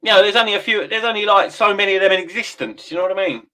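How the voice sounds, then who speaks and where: Sweary joking man, bit high. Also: very fast, bright, forceful tone. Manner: sweary, joking, laughs often. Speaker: livestream host. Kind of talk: casual chat.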